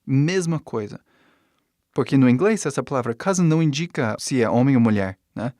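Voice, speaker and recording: A man in his forties teaches an online language lesson, his first language being English. He explains patiently, repeats key words slowly and keeps checking in with quick tag questions. His voice sits at an ordinary middle pitch, recorded close and dry with no room sound. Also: expressive, a little mellow, dry recording.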